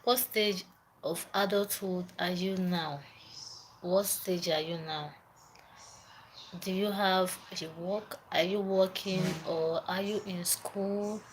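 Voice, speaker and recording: A young Nigerian woman with a Nigerian accent livestreams, chatting casually, repeating herself and greeting viewers by name. Her voice is on the low side, slow and fairly even in intonation. The low-quality recording carries a little hiss or hum.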